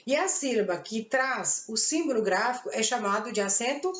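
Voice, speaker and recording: A woman's voice: fairly high pitch, expressive, normal speed, a bit bright. A woman teacher with a Brazilian Portuguese accent giving a recorded grammar lesson, explaining patiently with rhetorical questions and diminutive words. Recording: echoey, dull lo-fi room recording.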